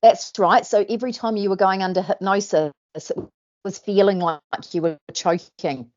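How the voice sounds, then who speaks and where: A woman's voice: medium pitch, steady tone, normal speed, a little mellow, muffled recording. A woman, a hypnosis trainer hosting, chatting in an upbeat, encouraging, coaching way. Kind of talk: casual interview chat.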